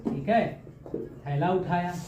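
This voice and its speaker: A man's voice: sits high, slow, roomy sound, lo-fi sound, background noise. Joking male teacher drilling a class. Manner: drills by asking questions and repeating the answers; joking, homely teacher talk. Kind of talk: exam-prep grammar lesson.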